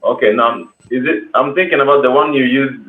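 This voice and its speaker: A man talking on a video call, slow and easygoing in casual chat. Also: medium pitch, reverberant, narrow, tinny audio.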